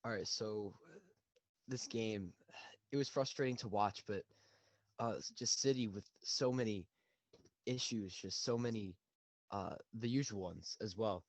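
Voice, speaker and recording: A man's voice: lowish voice, measured pace, pauses often, no echo. A young man co-hosting a casual football chat, talking in a loose, rambling way with fillers and restarts. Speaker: podcast co-host. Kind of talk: casual sports analysis. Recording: dull lo-fi dry sound.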